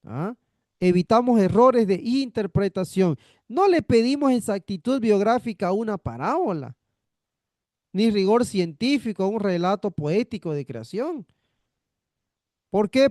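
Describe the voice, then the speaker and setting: A man's voice: sits high, darkish tone, dry recording, studio quality. A man teaching a theology class, repeating his points and asking rhetorical questions to check the students follow. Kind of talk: classroom lecture.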